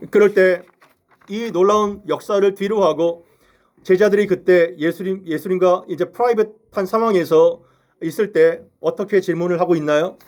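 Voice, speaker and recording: A man with a fairly high voice preaches in a church. He addresses the congregation earnestly and poses question after question to draw them in. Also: normal speed, a little mellow. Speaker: pastor. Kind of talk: sermon. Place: church sanctuary.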